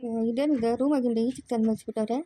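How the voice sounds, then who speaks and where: A woman's voice: on the high side, fairly even intonation, fast talker, dark tone, slight background noise, natural voice. A woman voicing a talkative, pitying old village grandmother who chats and sighs.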